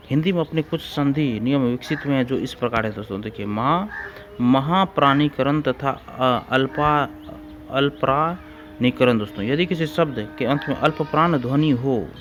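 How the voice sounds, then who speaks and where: A man's voice: medium pitch, slight background noise. A man teaching an exam-prep grammar lesson, repeating rules and examples and calling his listeners friends.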